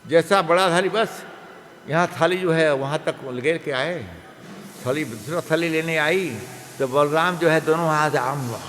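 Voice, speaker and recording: A man in his seventies leads a scripture class as a storytelling sermon, lively and full of acted-out voices. His voice sits a little higher than most men's. It carries through a large hall with a long reverb tail, over a faint hum of background noise. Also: measured pace. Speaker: monk giving a scripture class. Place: temple hall.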